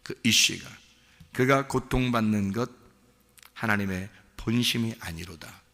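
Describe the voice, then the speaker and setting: A male pastor preaching a sermon in a church sanctuary, speaking with deep emotion that climbs into fervent shouting. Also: measured pace. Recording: long hall reverb.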